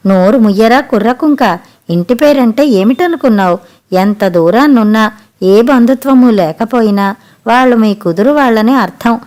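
A domineering old aunt, put on by a woman reading aloud raises her voice to silence everyone. She scolds and lectures about custom in a raised, high-pitched tone. It is a storybook character voice. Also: moderate pace, a little mellow, close to an everyday voice. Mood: scolding. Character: bossy older woman relative, rigid about custom. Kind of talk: audiobook character voice.

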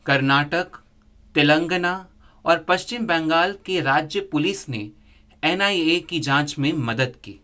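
A man reading a scripted news report as a voice-over, in a steady, measured way. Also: on the high side.

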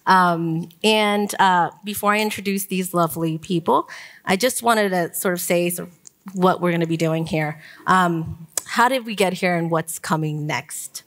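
A woman in her forties moderates a panel on a conference stage, speaking into a lapel mic. Her voice sits a little low, and she moves through her remarks with frequent ums and restarts. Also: a little slow. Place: conference stage before an audience.

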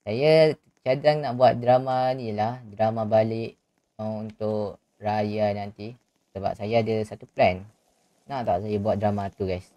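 A man's voice: on the low side, steady tone, measured pace, muffled recording, slight background noise. A man chatting casually on a live stream, greeting and thanking viewers and laughing often. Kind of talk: casual live-stream chat while gaming.

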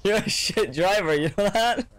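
A man's voice: high-pitched, moderate pace, a bit bright. A man chatting casually during a roleplay game in a brash, combative, foul-mouthed way. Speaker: livestreamer playing roleplay game. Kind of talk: casual gaming chat in improvised roleplay.

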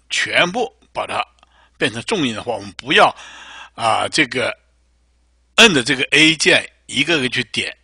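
A man gives a patient, step-by-step software tutorial with a pitch that moves a lot. His voice is bright, with a slight husk. The sound is dry and close, with mouse clicks behind it. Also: slightly rough, no echo. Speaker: music software teacher. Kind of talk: screen-recorded software tutorial.

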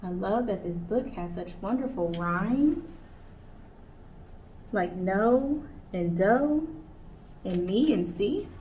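A young American woman who works as a children's librarian reads a picture book aloud to kids in a small indoor room, playful and sing-song. Her mid-range voice has lively intonation, a slow pace and long pauses. The recording sounds slightly distant and dull, with faint hiss.

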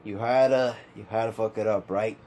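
This male video commentator has a fairly low, dark voice that stays steady at a moderate pace, with slight background noise. His opinion piece is an exasperated, frustrated rant full of sighs, laughs, and repetition.

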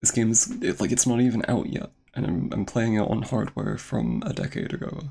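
Rambling young man streamer, gravelly. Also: fairly low pitch, fairly even intonation, moderate pace, dark tone. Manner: rambling, many fillers and restarts. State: slightly out of breath. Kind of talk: casual game-stream chat. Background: game music.

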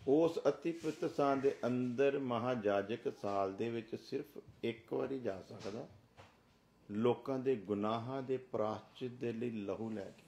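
A man's voice: medium pitch, measured pace, gravelly, darkish tone, a little hiss or hum. A middle-aged man preaching a sermon as a pastor, emphatic and full of rhetorical questions.

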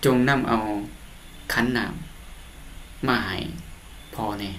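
A man's voice: lowish voice, sharp tone, slight background noise. Lao-accented male teacher explaining translations. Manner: explains slowly, reads English lines aloud and repeats words. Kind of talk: translating an English storybook in a lesson.

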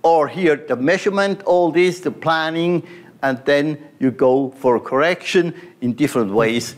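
A man's voice: on the high side, measured pace. A man, a surgeon, giving a conference lecture over slides, walking through each point with non-native phrasing and frequent fillers. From Switzerland. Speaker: pediatric orthopaedic surgeon lecturing.

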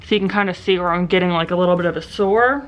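A woman's voice: on the low side, very fast, faint music behind. A young woman vlogging casually to camera in her bedroom, chatty and full of ums and likes, with a slight lisp from new aligners. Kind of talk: casual vlog talking to camera. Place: bedroom at home. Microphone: camera set down in front of her.

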